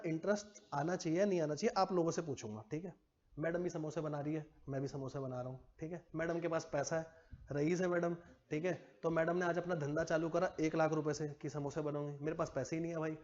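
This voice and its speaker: Fast-talking man teaching a class. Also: on the high side, darkish tone, highs cut off. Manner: chatty, teasing, asks the class questions. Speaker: commerce teacher. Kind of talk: classroom lecture.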